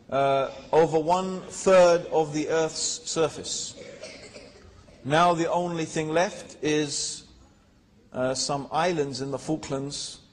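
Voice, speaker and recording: A man telling his personal story in a religious talk, measured and pausing with fillers. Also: fairly high pitch. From England. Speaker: guest speaker. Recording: reverberant lecture hall.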